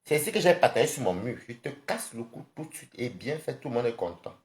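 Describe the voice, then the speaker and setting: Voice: medium pitch, fast. A speaker from Cameroon with a Cameroonian accent, ranting casually and confrontationally to viewers on a social media live stream. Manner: animated, rambling, confrontational, addresses viewers directly.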